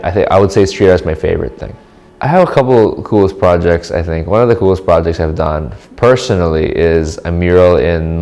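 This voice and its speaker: A man's voice: sits low, a little mellow. A man from the Philippines, giving casual, thoughtful interview answers in short reflective phrases. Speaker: artist interviewee.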